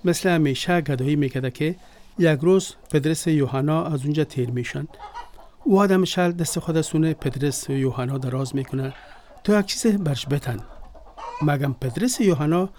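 A man's voice: on the high side, darkish tone, slight background noise, natural voice. A man with an Afghan Dari accent, acting in a radio drama as a friendly visitor who earnestly retells a story. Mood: storytelling.

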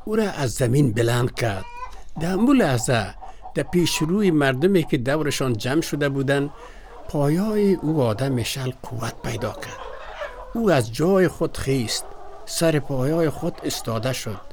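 Brief: actor as a patient, devout husband in a radio play, Afghan Dari accent, even mid-range voice. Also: male voice, medium pitch, slight background noise, close to an everyday voice. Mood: earnest. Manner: earnest, explanatory. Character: devout husband, patient, earnest explainer of faith. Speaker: husband explaining scripture. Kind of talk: radio drama acting.

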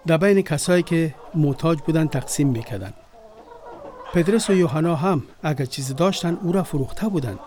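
Brief: actor as a friendly, devout visitor in a radio play, Afghan Dari accent, earnest and higher-pitched. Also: male voice, dark tone, a little hiss or hum, lightly acted. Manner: earnest storytelling. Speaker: visiting friend who retells a story. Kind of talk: radio drama acting.

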